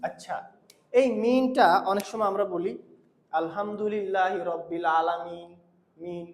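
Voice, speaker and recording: A man teaching Quran recitation, patiently correcting a student's pronunciation and repeating phrases slowly. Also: high-pitched, reverberant. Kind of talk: patient tutoring lesson.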